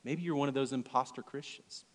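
Preaching briskly in a mid-range voice, a male pastor gives an earnest church sermon with a long reverb tail. Loud, emphatic moments alternate with hushed lines close to a whisper.

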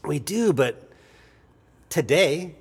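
A man's voice: on the high side, expressive, extremely slow, slightly rough. A man hosting a podcast in casual chat, rambling and often restarting his sentences. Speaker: podcast host.

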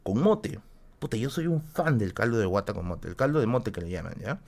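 Animated man, telling a story. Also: fairly low pitch, brisk, gravelly. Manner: animated, crude slang, acts out quotes, frequent tag questions. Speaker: streamer telling a childhood story. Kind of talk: casual storytelling to a live chat.

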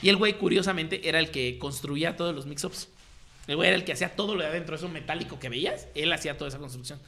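Mexican man, 30s, fast gravelly storyteller, slangy chat. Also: on the high side. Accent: Mexican Spanish. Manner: slangy, animated, acts out quoted voices. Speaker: guest telling his story.

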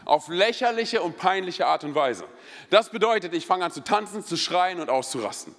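A man in his thirties preaching a sermon in a church, energetic and joking, telling personal stories with many interjections. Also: sits high, normal speed. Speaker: pastor. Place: church hall. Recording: long hall reverb.

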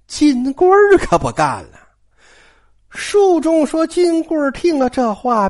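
A storyteller retelling a classic novel in a lively, colloquial manner with frequent exclamations. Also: mid-range voice.

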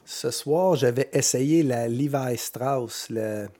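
A man's voice: medium pitch, slow pace, warm tone. A man with a Québécois accent, co-hosting a podcast with dry, teasing remarks. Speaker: podcast co-host. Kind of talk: casual podcast chat.

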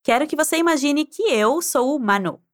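Woman, Spanish teacher, high animated voice, encouraging drill style. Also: moderate pace. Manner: encouraging, prompts listener to repeat aloud. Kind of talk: guided pronunciation drill.

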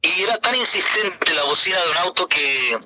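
A middle-aged man, a pastor, telling his personal faith testimony in an earnest, halting way with many hesitations. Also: high-pitched, expressive, bright, forceful tone, poor audio.

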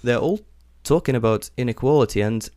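A young man from Ukraine hosts a podcast and conducts a conversational interview, curious and chatty with lots of fillers. His warm, mid-range voice moves fairly quickly, captured in a dry, studio-quality recording.

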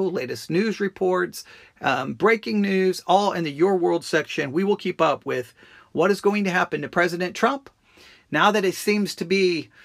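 A man's voice: high-pitched, creaky, a bit bright. A man hosting a live political commentary broadcast, earnest and often restarting his phrases.

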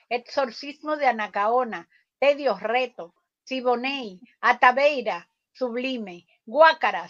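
Woman reciting poetry slowly and dramatically. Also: a little high, a bit bright. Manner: slow, incantatory, dramatic rises on repeated questions. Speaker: poetry reader. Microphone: video call. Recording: dull lo-fi online call audio.

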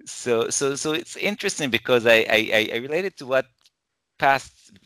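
A man's voice: medium pitch, lively intonation, normal speed, pushed and bright, dry recording. A man from Israel, a professor and guest in an interview, talking hesitantly and repeating his words. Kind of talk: interview conversation.

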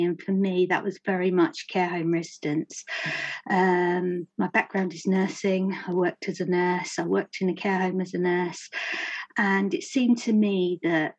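A woman's voice: fairly low pitch, dry recording, poor audio. A middle-aged woman, giving an informal personal talk as a guest speaker. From Romford, Essex, England. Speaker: guest speaker, charity founder.

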